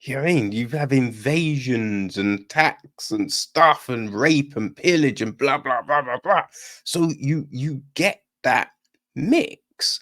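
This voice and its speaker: Speaking slowly with lively intonation, a man with a mid-range, slightly bright voice rambles through an opinionated, irritated film review for a casual podcast. He keeps tossing in tag questions such as "right?" and "you know."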